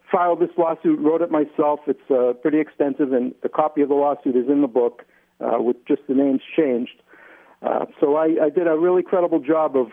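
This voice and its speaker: Male interview guest, New England accent, slightly high voice, halting and deliberate explainer, narrow phone-like radio sound. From Massachusetts, United States.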